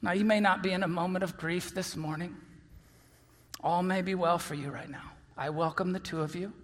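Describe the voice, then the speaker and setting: Male pastor with a high, bright voice, earnest sermon delivery, long church reverb. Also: fairly even intonation, moderate pace. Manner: earnest, swings between soft near-whispers and loud emphasis. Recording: long reverb of a large hall.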